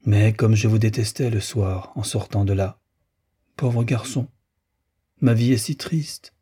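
A man reading the part of a sorrowful, restrained married woman in an audiobook, in a soft, plaintive way, with a dark, husky voice. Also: fairly low pitch, a little slow. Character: grieving, yearning bourgeois wife in her thirties.

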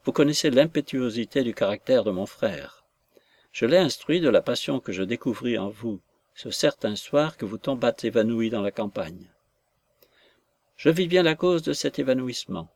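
A proud, stern older aunt, voiced by a male reader, lays down the law in an audiobook. Her delivery is imperious and scolding, that of a matron quick to fury, read in a medium-pitched voice. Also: a little mellow. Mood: commanding.

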